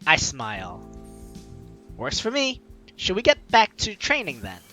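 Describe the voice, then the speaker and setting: A young adult let's play host with a bright, forceful voice delivers casual gameplay commentary and dramatically reads dialogue aloud. The pitch swoops wildly, the pace is a little slow, and the manner is playful and theatrical. Faint game music plays underneath.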